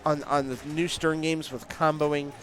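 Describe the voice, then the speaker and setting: A man's voice: fairly high pitch, flat delivery, a little slow, a bit bright, faint music behind. A man calling a live tournament as play-by-play commentator, explaining at length with frequent fillers. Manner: analytical, long explanatory runs with fillers.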